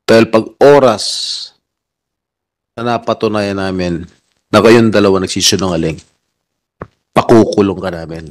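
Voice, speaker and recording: A man questioning witnesses at a Senate hearing, stern and warning, rising to shouted scolding. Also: fairly low pitch. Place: hearing room.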